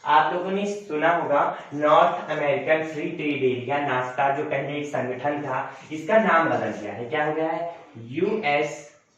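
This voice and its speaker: His voice a little high and a bit bright at a normal speed, the young man delivers a coaching lecture, restating points and correcting himself. He treats his viewers as friends. A distant mic in a very echoey room leaves the sound dull.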